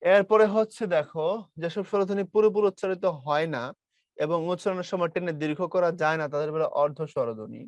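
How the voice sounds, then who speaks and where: Young male tutor from Bangladesh, light Brahmanbaria accent, fairly high voice, dry close sound, patient step-by-step lecturing. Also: quick pace, no room sound. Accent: Bangladeshi Bengali, Brahmanbaria region. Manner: explains step by step, calls students brother, models sounds aloud. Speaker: teacher. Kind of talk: online class lecture.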